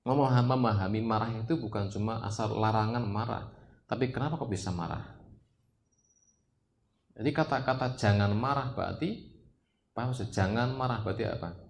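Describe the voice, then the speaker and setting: A man's voice: fairly low pitch, creaky, slight background noise. A man preaching a religious study lecture, asking rhetorical questions and rising to emphatic peaks. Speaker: Islamic preacher. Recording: roomy echo, faint ambience.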